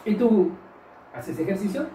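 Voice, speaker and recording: Slow-talking Mexican man, echoey room. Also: sits high, expressive, warm tone. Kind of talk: casual question-and-answer chat. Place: indoors, small bare-walled room. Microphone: camera a couple of metres away. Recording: echoey room, distant mic, faint noise.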